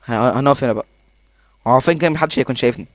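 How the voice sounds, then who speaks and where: A man with an Egyptian accent giving excitable gameplay commentary, laughing often and talking to himself as he plays. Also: mid-range voice, rapid-fire, no room sound. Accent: Egyptian Arabic. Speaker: gaming YouTuber.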